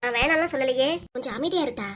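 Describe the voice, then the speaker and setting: A woman voicing the bickering family members of a cartoon, with a southern Tamil Nadu accent and a sharp, rapid-fire manner. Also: sits high. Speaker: cartoon voice performer. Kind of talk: quarrelsome family cartoon dialogue.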